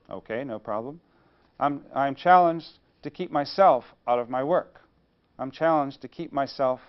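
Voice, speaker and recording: A man's voice: a little high, muffled recording. A man giving a university lecture on engineering, posing questions and answering them himself. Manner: rhetorical, poses questions then answers them.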